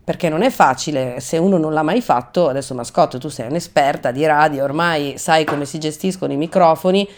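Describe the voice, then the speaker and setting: A woman's voice: low-pitched, fairly quick, hardly any pauses. A woman hosting a children's radio show, leading a school workshop and praising the kids. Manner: encouraging, praising.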